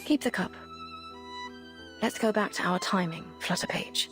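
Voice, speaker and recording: An actress with an Irish accent playing a proud, sharp-tongued former female champion in a game, teasing and haughty. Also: medium pitch, animated, a little slow, natural voice. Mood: dismissive. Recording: game audio with music behind.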